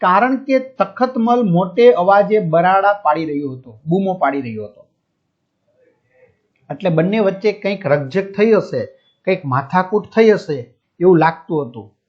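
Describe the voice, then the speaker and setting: A male teacher explaining a textbook chapter, glossing each word with a simpler one and asking and answering his own questions. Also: sits high. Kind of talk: explaining a school textbook lesson. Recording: dull lo-fi audio.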